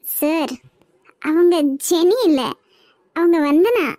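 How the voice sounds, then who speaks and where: A woman's voice: very high voice, slow, dark tone, no echo, studio quality. A woman voicing a chatty young office receptionist in a cartoon, apologetic and explaining, with a Kanyakumari Tamil accent.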